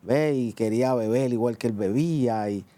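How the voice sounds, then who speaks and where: A Puerto Rican man tells his life testimony in a mellow, darker voice. He speaks haltingly, with many "eh" and "pues" restarts. The recording is dry and close. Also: mid-range voice, no echo. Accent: Puerto Rican Spanish. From Puerto Rico. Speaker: guest giving testimony. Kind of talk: personal testimony in conversation.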